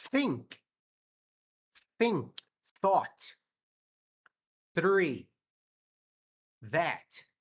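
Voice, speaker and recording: A young man with a Brazilian Portuguese accent teaching a live online English class over his webcam. He demonstrates sounds out loud and keeps checking in with his students. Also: high-pitched.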